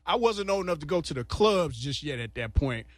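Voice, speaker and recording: A man's voice: a little high, big pitch swings, a little fast, dry recording. A man hosting a radio interview, talking eagerly and conversationally like a fan. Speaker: radio host.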